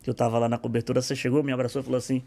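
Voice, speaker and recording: Male radio host, brisk delivery, mid pitch, jumps in to complete the guest's points. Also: flat delivery, mellow. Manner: interjects, finishes the guest's sentences. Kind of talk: radio interview.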